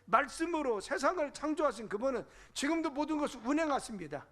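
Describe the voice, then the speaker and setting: A man's voice: very high voice, sing-song, fast, fairly bright tone. A middle-aged male pastor preaching a fervent sermon in a church, asking rhetorical questions and answering them. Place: church sanctuary.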